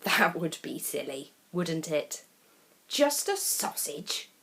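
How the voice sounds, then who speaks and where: In a deep voice with vocal fry, a woman storyteller reads a children's picture book aloud. Her delivery is expressive and deliberate, with dramatic pauses between phrases.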